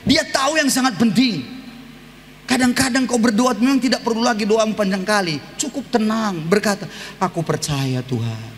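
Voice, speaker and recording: A male pastor delivering a sermon in a church, swinging from ringing shouts down to hushed, intimate murmurs. His voice sits high for a man. The sound carries a long hall reverb over faint room noise. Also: moderate pace. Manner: impassioned preaching, swinging from shouts to soft murmurs. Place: church sanctuary.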